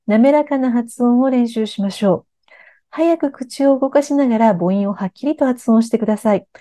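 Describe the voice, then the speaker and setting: A woman narrating a scripted lesson on articulation and intonation, explaining clearly and evenly. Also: a little high. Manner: clear, even-paced explanation. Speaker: speech coach.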